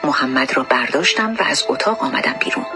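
A woman reading a first-person memoir audiobook in a soft, often hushed and emotional voice. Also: sits low, animated, music in the background. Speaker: audiobook narrator.

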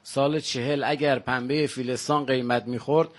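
A man's voice: mid-range voice, steady tone. Older man with a Varamini accent. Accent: Varamini Persian. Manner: proud, listing local facts at length. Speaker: village guest. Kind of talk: radio phone-in chat.

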